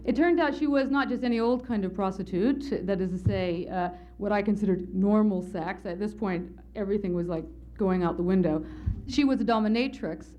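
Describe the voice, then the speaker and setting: A woman's voice: medium pitch, fairly quick, mellow, slight background noise. Woman giving a talk, frank and wry storytelling, kinda dull muffled sound. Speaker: conference speaker. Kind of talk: personal anecdote in a lecture. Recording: slightly muffled lo-fi lecture recording.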